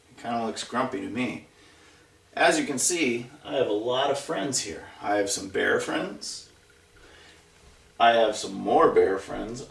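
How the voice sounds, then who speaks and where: With a mid-range voice touched by vocal fry, a man reads a picture book to young kids in a conversational style, tossing in chatty remarks and questions for them. A distant mic leaves a roomy echo on the recording.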